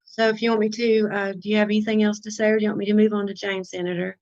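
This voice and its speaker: A woman's voice: medium pitch, level tone, racing, a little mellow, lo-fi sound. A woman introducing guests at a virtual town hall, earnest and stumbling at times. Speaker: town hall moderator and candidate.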